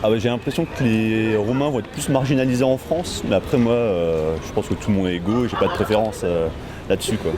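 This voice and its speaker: A man on holiday answering a street interview in a measured, thoughtful way. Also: on the low side. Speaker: passerby interviewee. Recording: loud street noise.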